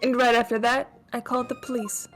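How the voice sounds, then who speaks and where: A woman voicing a meek, polite, easily upset young female college student testifying in a comedic courtroom game read-along, halting and sweetly earnest. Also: a little high, flat delivery, faint music behind, natural voice.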